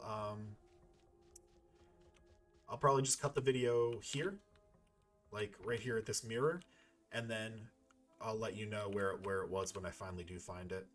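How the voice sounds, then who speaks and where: A man with a middle-pitched voice hosts a video game playthrough, thinking aloud and rambling casually through his commentary. Faint music plays behind him.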